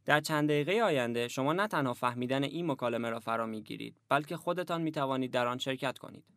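A man narrating a language lesson, giving measured, even instructions in a scripted way. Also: medium pitch, clean tone, no echo, studio quality.

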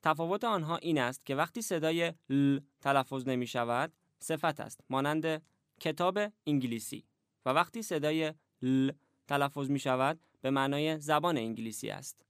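Smooth, dry-voiced male lesson narrator. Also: fairly high pitch, no echo. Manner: measured, even, instructive. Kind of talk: scripted instruction.

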